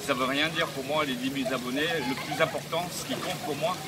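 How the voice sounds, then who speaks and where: A man in his 50s with a fairly high, steady voice answers viewer questions in a casual Q&A vlog on YouTube, speaking haltingly with non-native French phrasing and repeated phrases. Born in Vietnam of Chinese descent, he moved to France at fourteen and learned French as a teenager, so it isn't his first language. Loud wind and outdoor noise fill the recording.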